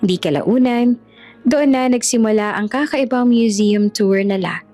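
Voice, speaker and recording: Lady reading a romance story, steady, soft music in the back. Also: fairly high pitch, measured pace. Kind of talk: scripted narration.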